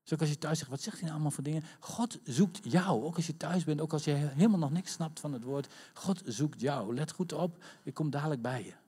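A man preaching a conversational sermon, acting out quotes and rising to shouts at the high points. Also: normal speed, hardly any pauses, husky.

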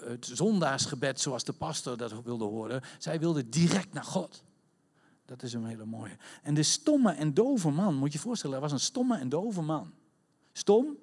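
A man preaching a conversational sermon, acting out quotes and rising to shouts at the high points. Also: lively intonation, measured pace.

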